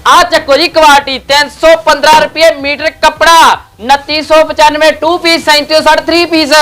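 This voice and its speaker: A male shopkeeper delivers a sales pitch in a very high voice that stays on a flat, narrow band. He is emphatic, driving points home by repetition. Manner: emphatic, repeats prices and phrases.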